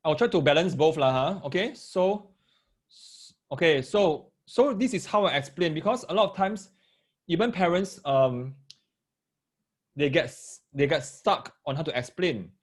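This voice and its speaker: This maths tutor's voice is a little high, husky, and animated, and he doesn't rush. Using a Singaporean accent with Singlish particles, he leads a live online lesson for parents and children, working through steps, repeating phrases, and making sure everyone keeps up.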